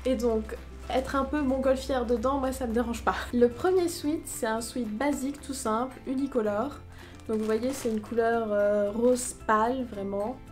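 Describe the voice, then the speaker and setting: A woman's voice: a little high, steady tone, normal speed, a little mellow, faint music behind. A woman chatting frankly through a casual unboxing review of cheap clothes. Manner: chatty, frank, mocking asides.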